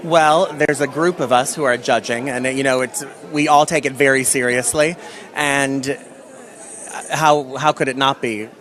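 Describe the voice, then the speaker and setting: Even-toned, earnest man being interviewed. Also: mid-range voice, unhurried. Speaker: pageant judge. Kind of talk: interview answer.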